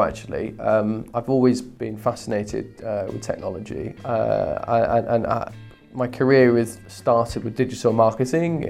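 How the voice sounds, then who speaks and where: A man appears as an interview guest, answering questions conversationally but hesitantly, often repeating words while he searches for the right phrasing. His voice is fairly low, dark in tone, with vocal fry.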